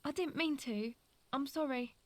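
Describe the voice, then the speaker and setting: A man voicing a blunt, sullen young woman, speaking softly and quietly in a raised voice. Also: extremely high pitch, moderate pace, pitched above the performer's own voice. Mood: apologetic. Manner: soft, quiet and dismissive, then apologetic.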